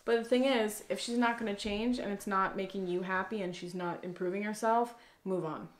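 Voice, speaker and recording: Soft-spoken young woman in a roomy bedroom. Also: mid-range voice, steady tone, a little fast. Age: 20s. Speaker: guest, girlfriend. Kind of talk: casual Q&A chat. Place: dim bedroom, indoors.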